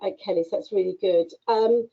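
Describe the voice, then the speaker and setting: A woman interviewer asks career questions and answers each reply with encouragement. Her pitch sits in the middle, and the sound is dull and lo-fi. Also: fairly quick, gravelly, slightly rough. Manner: encouraging, affirming replies. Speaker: interviewer, event host. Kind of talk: online interview. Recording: dull lo-fi audio.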